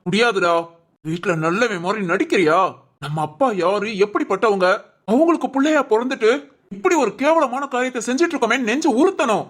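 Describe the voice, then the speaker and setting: Stern middle-aged uncle, played by an actor, indignant lecturing, raised voice, family comedy drama, mid pitch. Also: fairly quick, lightly acted. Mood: angry.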